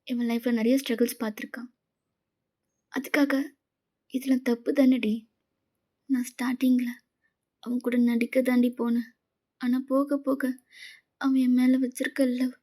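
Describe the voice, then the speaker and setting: Woman doing a tearful young woman, pleading, mellow tone, slightly high. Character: grieving young woman who betrayed her lover.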